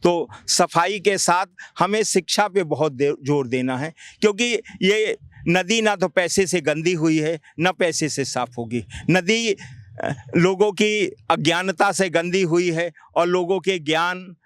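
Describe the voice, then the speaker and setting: Earnest guy outdoors by a river, clear resonant voice, fairly high, dry sound. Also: slow pace, a bit bright, no echo. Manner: earnest, pointing things out, many restarts. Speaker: river activist interviewee. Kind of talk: outdoor interview.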